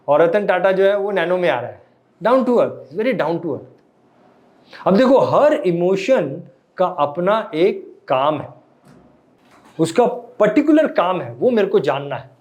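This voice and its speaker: A man's voice: on the high side, darkish tone. A man lecturing a live class, often quizzing his listeners and mixing in English phrases. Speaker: meditation and emotions teacher.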